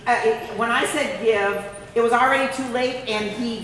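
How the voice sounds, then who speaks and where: Here a woman with a voice on the high side coaches a horse rider live, keeping a steady tone at normal speed. Her delivery is fairly bright, made of terse commands she tends to repeat, and the mic sits far off. The large indoor riding arena sounds strongly reverberant, with faint noise.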